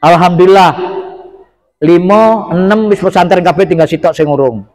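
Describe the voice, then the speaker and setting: A man giving a religious lecture, telling lively, humorous stories. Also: sits high, normal speed. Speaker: preacher.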